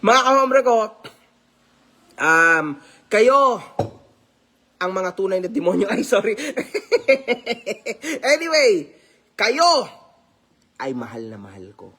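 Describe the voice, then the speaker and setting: A man's voice: sits high, very animated, takes it slowly, pauses often, pushed and bright. A man talking casually to his viewers as a vlogger, teasing and laughing often and mixing English phrases into his talk. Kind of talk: casual commentary vlog.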